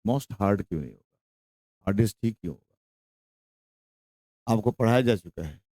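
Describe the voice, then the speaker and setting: A man's voice: on the low side, expressive, moderate pace, mellow, no echo, clean studio sound. A young man with a Bihari Hindi accent teaching an English grammar lesson to a class, drawing out his words and repeating questions and answers.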